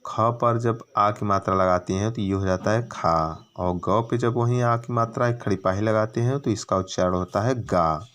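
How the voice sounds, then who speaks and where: A man's voice: on the low side, a bit bright, smooth. Patient male teacher drilling syllables. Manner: patient, drawn-out syllable demonstrations. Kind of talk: children's lesson on Hindi vowel signs.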